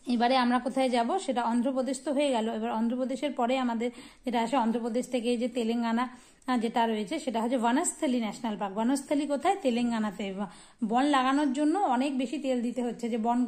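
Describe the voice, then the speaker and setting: A young woman teaching a casual exam-prep lesson. She poses questions and answers them herself, and tosses in memory tricks. Her voice sits fairly high. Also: darkish tone. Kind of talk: informal geography lesson over a map.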